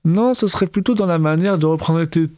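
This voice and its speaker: A man co-hosting a casual film discussion, speaking haltingly as he searches for words. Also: on the high side, a little mellow, no echo, clean studio sound. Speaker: film discussion podcast co-host. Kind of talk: casual film review chat.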